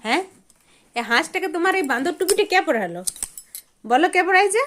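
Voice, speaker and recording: High-voiced woman cooing baby talk. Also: big pitch swings, a little fast, a bit bright. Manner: sing-song, questioning, playful scolding. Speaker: mother talking to her toddler. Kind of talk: baby talk, coaxing a small child.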